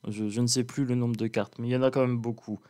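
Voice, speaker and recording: A man, a card reader, chatting casually to his viewers while presenting an oracle deck, calm and playful in a sleepy morning voice. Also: mid-range voice, quick pace.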